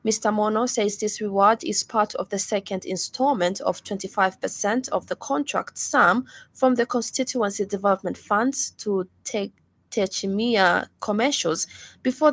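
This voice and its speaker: Speaking at a medium pitch, a Zambian-accented woman delivers a scripted radio news bulletin in a formal, measured style.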